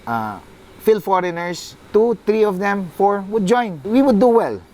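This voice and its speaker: A middle-aged man with a Filipino accent, a football club CEO, telling his life story in a halting, earnest way. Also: sits high, very animated, a little mellow. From Philippines. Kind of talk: personal storytelling.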